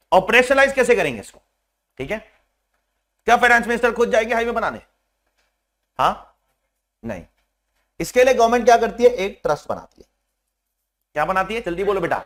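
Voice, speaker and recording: Young guy teaching tax in a classroom, high voice, keeps nudging the class to answer. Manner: animated, keeps prodding students to answer; mixes Hindi with English terms. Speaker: tax lecturer. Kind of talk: classroom lecture. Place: classroom with online students joining.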